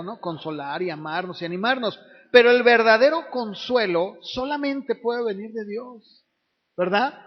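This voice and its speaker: A man preaching in a church, with a voice pitched notably high for a man. His words ring out with a long hall reverb, and the recording sounds dull and lo-fi. He keeps asking his listeners rhetorical questions. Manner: preaches with frequent rhetorical tag questions, acting out voices of others. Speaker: pastor. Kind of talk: sermon.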